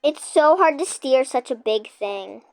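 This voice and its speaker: Young girl streamer, high and dry. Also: expressive, unhurried, a little mellow, no room sound. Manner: giggly, chatty, addresses viewers as guys. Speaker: gaming channel host. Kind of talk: casual gameplay chat with a friend.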